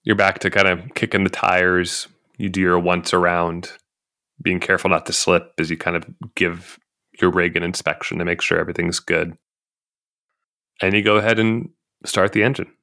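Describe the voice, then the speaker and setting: A man narrating a game scene as game master in a measured sleep-story manner, lingering over his phrases. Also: low voice, level tone, pushed and bright.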